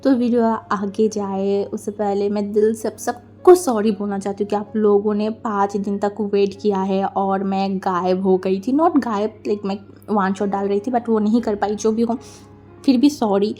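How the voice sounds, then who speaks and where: A woman's voice: mid-range voice, steady tone, unhurried, warm tone, faint music behind. A young university-student woman hosting a storytelling channel, chatting apologetically to her viewers and narrating a fan fiction story. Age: young adult. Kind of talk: casual fan-fiction reading.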